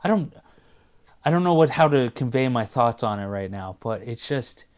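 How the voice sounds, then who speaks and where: A man's voice: medium pitch, expressive, normal speed, darkish tone, clear, resonant tone. A man in his forties co-hosting a podcast, chatting casually with a rambling, enthusiastic manner and sometimes losing his train of thought. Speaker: podcast co-host. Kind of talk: casual chat.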